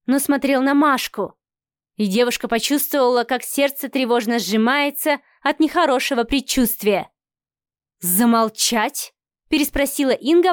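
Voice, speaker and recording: A woman narrating an audiobook in steady, measured storytelling. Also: sits high, no echo, studio quality.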